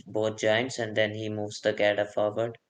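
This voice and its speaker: Man reacting quickly during game commentary. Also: fairly low pitch, completely flat delivery. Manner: quick reactions, second-guesses the moves. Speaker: esports commentator.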